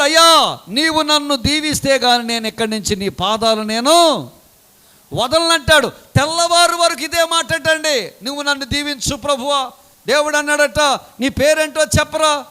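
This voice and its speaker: A man preaching a sermon dramatically, swinging between loud calls and low, quiet asides.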